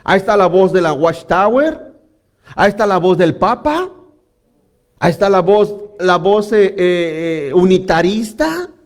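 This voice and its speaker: Man, very high voice, sermon, animated, addresses congregation. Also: a little slow. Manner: animated preaching with frequent audience prompts. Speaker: preacher.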